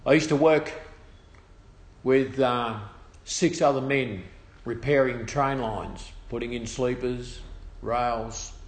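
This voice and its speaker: An Australian man telling a personal testimony story in a halting way, with restarts and trailing phrases. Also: mid-range voice, steady tone, roomy sound.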